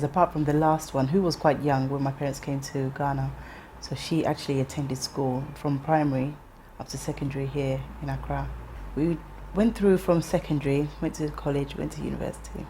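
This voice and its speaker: A woman in her thirties who grew up in England tells her life story in an interview, speaking in a low, steady voice. She's reflective, pausing with ums and restarting phrases. A faint hiss lies behind the recording.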